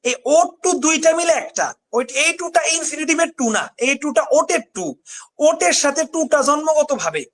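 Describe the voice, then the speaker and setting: A man's voice: extremely high pitch, lively intonation, measured pace. Bangladeshi man drilling English grammar. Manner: repetitive, drilling questions and answers. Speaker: English teacher. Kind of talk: live online class.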